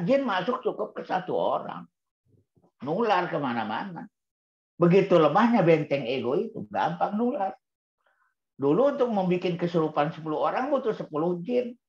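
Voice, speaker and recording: The man's voice sits high with a darkish tone as he delivers a book-review talk on Islamic parenting to parents. Repeating key words for emphasis, he raises rhetorical questions and supplies the answers, captured in a dull, roomy recording.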